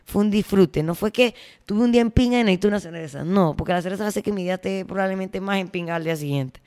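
A woman's voice: medium pitch, quick pace, darkish tone. A woman with a Panamanian accent hosting a podcast, talking bluntly in slang with crude jokes. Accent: Panamanian Spanish. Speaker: podcast host. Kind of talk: casual podcast monologue.

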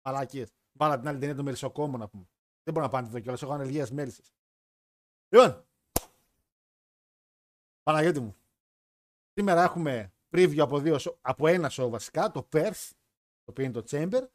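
A wrestling podcast host runs a live chat stream, talking in a chatty, joking, rambling way and restarting his sentences. His voice is fairly high with lively intonation, broken up by long pauses.

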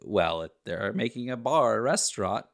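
A man's voice: on the low side, lively intonation, normal speed, creaky. A man co-hosting a casual podcast chat, making dry teasing jokes. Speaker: podcast co-host.

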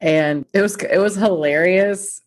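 A woman's voice: lowish voice, unhurried. A woman co-hosting a casual podcast, rambling and laughing, with frequent swearing. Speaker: podcast co-host. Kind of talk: casual chat.

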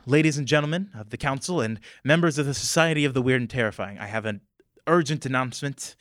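A man's voice: medium pitch, fast talker, a bit bright, dry recording, clean studio sound, natural voice. A man voicing a stern female council speaker. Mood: formal. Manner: formal, commanding.

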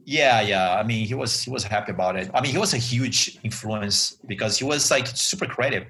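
A man from Brazil, chatting as an interview guest in a relaxed way with many fillers. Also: lowish voice, fairly quick, a little hiss or hum. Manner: relaxed, chatty, many ums and you-knows. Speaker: guest, advertising creative director. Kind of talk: interview conversation.

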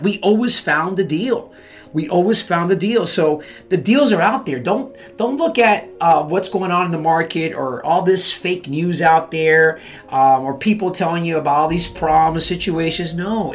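A man giving real estate advice in a motivational talk, fired up, pushing his listeners with repeated "okay?" and "you guys.". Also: fairly high pitch.

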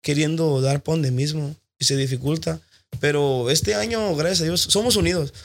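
A man with a Mexican accent, a band singer, telling stories in a relaxed, rambling chat full of slang. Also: on the high side, normal speed, gravelly. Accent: Mexican Spanish. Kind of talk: casual chat.

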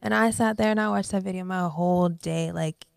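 A woman in her twenties talks as a guest on a podcast, chatty and animated, now and then sinking into a whisper. Her voice sits low with a gravelly fry. It is recorded close and dry. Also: fairly quick, no echo. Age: 20s. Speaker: guest artist. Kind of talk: casual podcast conversation.

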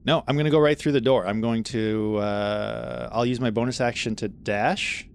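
A man's voice: fairly low pitch, normal speed, creaky, slight background noise. A man playing in a tabletop game, thinking aloud about his character's moves with some hesitation. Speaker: player. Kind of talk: casual tabletop play.

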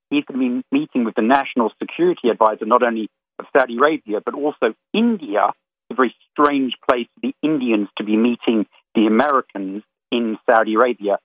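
A man calling in to a radio talk show, giving a rapid, detailed briefing on world affairs. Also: mid-range voice, no room sound. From Florida. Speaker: caller. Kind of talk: call-in radio commentary. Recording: tinny phone line.

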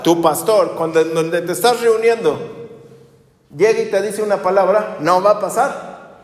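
A man's voice: sits high, reverberant, long reverb tail. A man preaching a sermon as pastor, talking conversationally with rhetorical questions.

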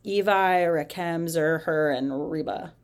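Sarcastic woman with a low voice. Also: slow pace. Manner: sarcastic, swearing, deadpan asides. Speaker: podcast co-host. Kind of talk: casual irreverent chat, reading scripture aloud.

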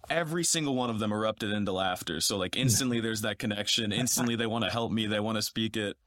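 A man's voice: fairly low pitch, fast, no echo, clean studio sound. A young American man in his twenties, guest on a podcast, telling stories animatedly with a fried throat. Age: 20s. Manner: animated, storytelling, says "like" a lot. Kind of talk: casual chat.

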